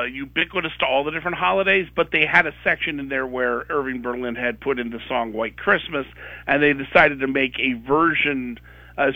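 A man's voice: mid-range voice, dry recording, highs cut off. A man reviewing movies on a radio show, talking in a rambling way with many restarts. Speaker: film critic guest.

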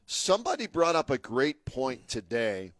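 A man co-hosts a sports talk radio show in a medium-pitched voice with huge swings in pitch, speaking at an unhurried pace. He's chatty and casual but grows emphatic and fired up as he argues a point. The studio sound is clean with no echo.

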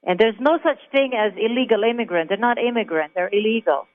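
A woman's voice: a little high, a little fast. A woman from Israel, calling in to a talk radio show and telling her story in an emphatic, chatty way. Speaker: caller. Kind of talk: phone interview on talk radio. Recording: tinny phone line.

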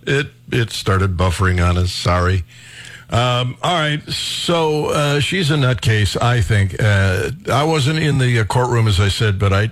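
A man hosting a talk radio show, chatting casually with a guest in a halting way with many fillers. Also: lowish voice, dry recording.

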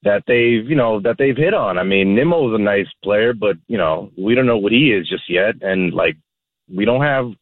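A man calling a sports radio show over a phone line, talking casually in a halting, repetitive, exasperated way. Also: fairly low pitch, expressive, dry recording. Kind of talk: casual sports fan talk. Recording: narrow, tinny phone line.

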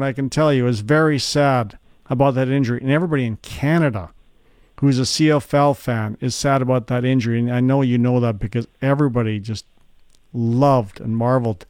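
A man's voice: medium pitch, clear, resonant tone, dry recording, studio quality. A man hosting a sports radio show, chatty and teasing, tossing questions to his guest. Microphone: studio microphone.

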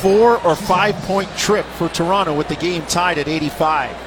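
A man with a high-sitting voice calls a basketball game live at a moderate pace, using short, clipped phrases. Arena noise from the courtside crowd and bouncing balls runs behind him.

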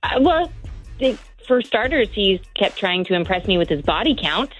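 A woman's voice: mid-range voice, sing-song, moderate pace, faint music behind, low-quality recording. A woman in her twenties on a call to a radio show, talking bluntly with sarcasm and plain exasperation. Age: 20s. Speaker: caller.

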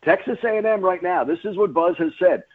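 Heard on a phone-like narrow-band radio line, a man with a high-pitched, fairly quick voice serves as a radio guest and play-by-play announcer, stressing his emphatic sports commentary by repeating phrases.

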